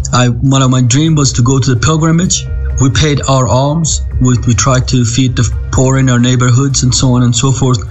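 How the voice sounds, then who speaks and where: A man in his thirties from Iran, a native Farsi speaker with an Iranian accent, earnestly shares his life story over a video call. His mid-range voice halts often and he restarts frequently as he gives this personal testimony.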